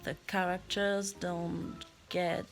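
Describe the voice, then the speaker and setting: A young woman, talking slowly and casually as she thinks aloud for her reading vlog. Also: fairly low pitch, level tone, vocal fry, faint music behind. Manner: slow, unhurried, thinking aloud. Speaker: book vlogger. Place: in her bed at home.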